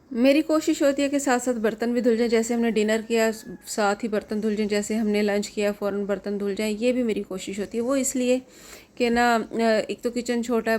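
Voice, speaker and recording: A middle-aged woman from Pakistan with a Pakistani Urdu accent, chatting through a home vlog voice-over, repeating herself and pausing often with fillers. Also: a little high, darkish tone. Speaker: vlogger.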